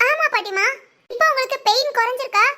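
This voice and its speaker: A patient young cartoon nurse, voiced by a woman, explaining things politely to her patients. The voice is very high and bright, and she stays calm and reassuring. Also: quick pace, a little hiss or hum. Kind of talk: Tamil family cartoon voice acting.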